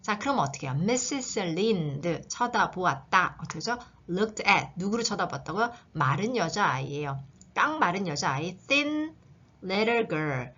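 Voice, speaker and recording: A woman's voice: mid-range voice, fairly bright tone, muffled recording. A woman teaching an English reading lesson, asking questions and answering them herself.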